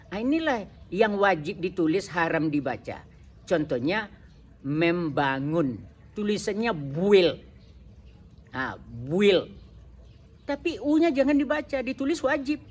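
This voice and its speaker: An older man, an English lecturer, giving a casual spoken lesson in a playful, joking teacher's manner. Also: breathy edge. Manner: playful, jokey teacher with lively swings in pitch.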